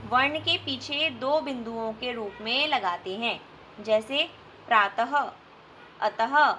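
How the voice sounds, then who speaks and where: A woman teacher giving a recorded grammar lesson for children, slow and patient, spelling out sounds with examples. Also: sits high, bright, forceful tone, a little hiss or hum. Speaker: school teacher.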